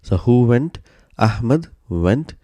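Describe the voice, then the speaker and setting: A man explaining grammar step by step in a recorded lesson, patient and steady, often starting sentences with "so" and pausing on "uh.". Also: mid-range voice, dry recording. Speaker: Arabic grammar teacher.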